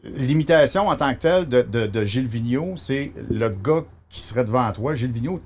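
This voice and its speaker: A man's voice: medium pitch, normal speed, a little hiss or hum. A man in his fifties with a Quebec French accent, a guest impressionist talking casually and hesitantly. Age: 50s. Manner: animated, hesitant, with many restarts. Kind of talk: casual conversation.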